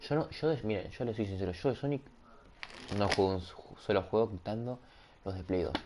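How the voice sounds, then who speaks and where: Against a noisy background, a young streamer with a lowish voice talks fairly quickly in a Rioplatense Spanish accent. It's casual gaming livestream chat over a headset microphone, full of rambling, joking with viewers, and self-directed laughter.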